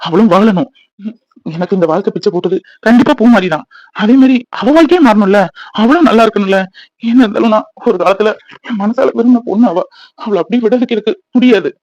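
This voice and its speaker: A man's voice: sits high, darkish tone, no echo, muffled recording, lightly acted. A man voicing a loving young husband in a cartoon, earnest and reassuring. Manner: soothing, coaxing, explaining quickly.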